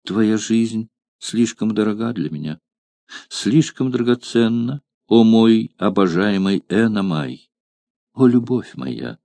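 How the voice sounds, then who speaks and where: A man's voice: on the low side, lively intonation, takes it slowly, dark tone, no room sound. A man voicing a cunning young courtesan who coaxes with feigned tenderness in an audiobook. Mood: coaxing.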